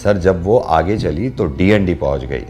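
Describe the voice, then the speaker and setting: Playful, animated male radio host. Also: low-pitched, measured pace, soft background music. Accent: Hindi. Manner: teasing, animated storyteller who acts out characters. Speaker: radio prank-call host. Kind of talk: playful radio phone chat, telling jokes and riddles.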